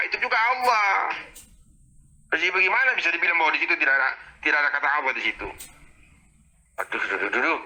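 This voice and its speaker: A man's voice: fairly high pitch, sharp tone, low-quality recording. A man explaining Arabic verses word by word in a heated religious debate, challenging and exasperated.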